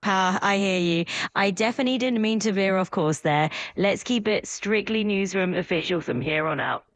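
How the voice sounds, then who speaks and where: An upbeat female AI assistant voice replies cheerfully, quick to agree and keep things going. Her mid-range voice sits in a dry, close recording with no room sound. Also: mid-range voice, dry recording. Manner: upbeat, agreeable and eager to please, often laughs. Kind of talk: chatty conversational replies.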